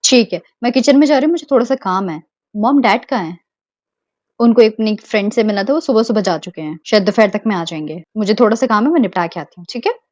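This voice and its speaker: A woman voicing a busy, caring middle-aged mother who talks briskly, in an amateur audio drama. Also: medium pitch, expressive, no echo, highs cut off, natural voice.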